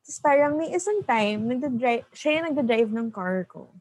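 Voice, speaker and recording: A woman's voice: on the high side, expressive, normal speed, darkish tone, slightly rough, rough recording. A woman telling a personal story in a casual, chatty way, with lots of fillers and asides.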